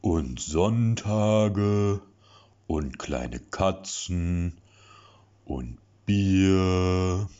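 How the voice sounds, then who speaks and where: A man voicing a dim-witted hulking mercenary who drones in a deep, babyish singsong. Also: lively intonation, dark tone, clear, resonant tone, heavily acted. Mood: dreamy singsong. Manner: slow dreamy singsong, deep yet babyish. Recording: dull lo-fi recording.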